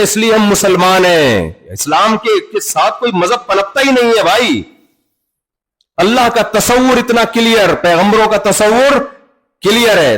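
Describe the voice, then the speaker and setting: The recording quality is low, and the preacher's voice sits high and a bit bright. Speaking with an Urdu-speaking Pakistani accent, this Islamic preacher keeps his sermon conversational, playing out little dialogues around everyday examples.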